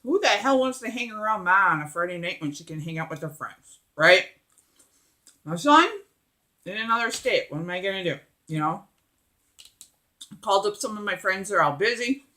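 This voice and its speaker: Casting: middle-aged woman, mukbang host, sharp bright voice, emphatic casual chat between bites. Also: mid-range voice, expressive, moderate pace, long pauses. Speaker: mukbang vlogger. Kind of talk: casual chat while eating.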